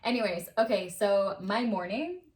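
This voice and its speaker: A woman co-hosting a casual chat podcast, her voice sitting at an ordinary middle pitch. She tells her stories with energy and swears freely along the way. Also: moderate pace. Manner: animated storyteller, swears freely. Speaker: podcast co-host; mother.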